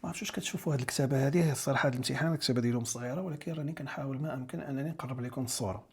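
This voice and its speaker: A man's voice: mid-range voice, very fast, slightly rough. A man with a Moroccan Arabic accent teaching an exam-prep lesson, explaining step by step and rephrasing key English terms in Darija.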